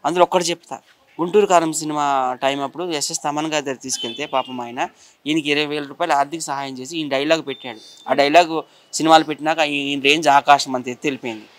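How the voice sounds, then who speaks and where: A man being interviewed, complaining rapidly and indignantly. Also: on the high side, fairly even intonation, fairly bright tone. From Vizag. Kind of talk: heated interview.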